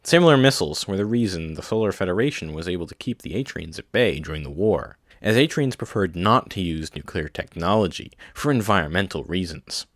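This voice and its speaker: A man narrating a science-fiction audiobook in a steady, measured way. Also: low-pitched, dry recording, clean studio sound.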